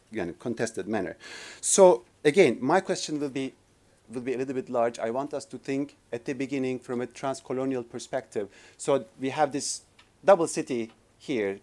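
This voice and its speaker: At a lecture hall podium, a Turkish man in his forties responds as a discussant on a conference panel, speaking into the podium microphone in a medium-pitched, darkish voice. He sounds hesitant, gesturing with his notes and often restarting with fillers.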